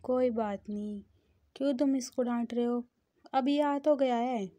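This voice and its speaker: A woman's voice: fairly high pitch, measured pace, warm tone, no room sound, natural voice. A woman voicing a kind, soothing young elder sister in a storybook reading.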